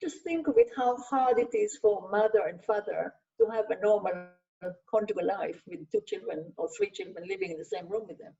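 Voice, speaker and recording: Speaking a little fast with vocal fry, this older woman has a fairly high, sing-song voice with a dark tone. She's an Israeli sociologist and Hebrew speaker responding earnestly in an online masterclass, leaning on lists and frequent restarts, and the video call sound is distant, dull and lo-fi.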